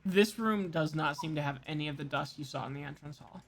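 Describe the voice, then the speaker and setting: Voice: mid-range voice, brisk. A game master describing scenes for a tabletop roleplaying game in an informal, conversational way.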